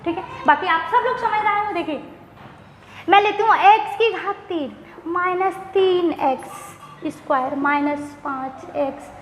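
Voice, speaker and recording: A woman's voice: very high voice, measured pace. A woman teaching a maths lesson who asks questions, answers them herself and repeats key terms. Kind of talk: classroom lecture. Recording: echoey room with faint noise.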